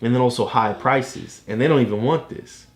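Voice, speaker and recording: A parent tutor walks a child through a book in a relaxed read-along lesson, explaining patiently and often checking that the child understands. The voice is mid-range at a normal pace, and the room is echoey.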